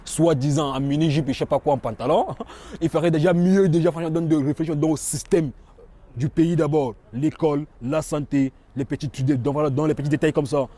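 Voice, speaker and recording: A man's voice: fairly high pitch, steady tone, brisk, dark tone. Casual emphatic man. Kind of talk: street interview.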